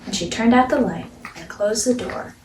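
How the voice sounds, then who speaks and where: A woman's voice: a little high, moderate pace, roomy sound, far from the mic, noisy background. A woman storyteller hosting a read-aloud show, reading a picture book expressively for children.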